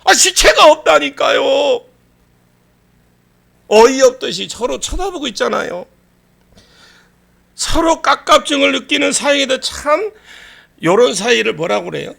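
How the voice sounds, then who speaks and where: A male pastor preaching a sermon in a church, animated and acting out scenes, raising his voice to a shout for emphasis. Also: extremely high pitch, normal speed, vocal fry, long pauses, slightly rough. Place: church sanctuary.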